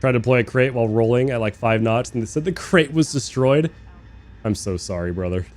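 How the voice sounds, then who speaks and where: A young man live-streaming a flight sim, chatting casually and rambling, swearing freely, talking to his chat and bursting into loud incredulous rants. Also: medium pitch, a little fast. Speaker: game streamer. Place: living in Australia.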